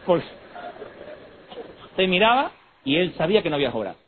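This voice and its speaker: An Argentine man in his thirties delivering a humorous sermon in an animated, digressive way. His voice sits fairly high and swings widely in pitch. The recording is thin and phone-like, with a faint hiss underneath. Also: a little fast. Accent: Argentine Spanish. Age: 30s. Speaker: pastor. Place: conference hall. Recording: tinny lo-fi recording with faint noise.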